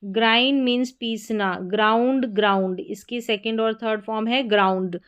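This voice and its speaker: A woman recites English verb forms in an even, drilled cadence. Her voice sits slightly high and sounds smooth and clear. The delivery is patient and methodical. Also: moderate pace, dull audio. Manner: reads verb lists in steady drilled rhythm. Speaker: English teacher. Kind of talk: vocabulary lesson recitation.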